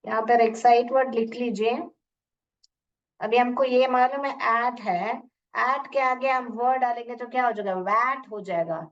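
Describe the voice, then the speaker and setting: A woman with an Indian accent teaching English phonics in an online class, repeating sounds slowly and asking questions. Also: on the high side, fairly even intonation. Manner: slow, repeats sounds and words, asks questions. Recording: muffled, distant from the mic.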